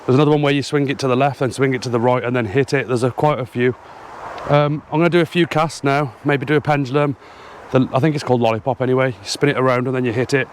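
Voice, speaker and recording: A man's voice: mid-range voice, fairly even intonation, fast talker, a little hiss or hum. A man vlogging about fishing outdoors in a field, slightly out of breath, talking casually with frequent ums to an action camera. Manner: chatty, hesitant, lots of ums. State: a little out of breath.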